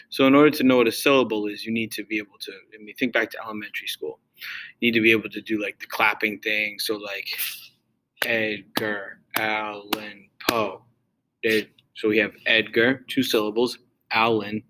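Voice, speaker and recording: Bright-voiced casual male teacher. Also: fairly low pitch, rough recording. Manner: casual, conversational explaining with fillers. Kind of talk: recorded classroom tutorial.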